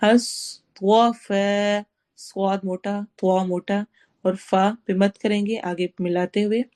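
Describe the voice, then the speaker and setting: Woman, Quran teacher, tajweed lesson, mellow tone, slow drawn-out recitation, explains each sound, mixes in English words. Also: medium pitch, level tone.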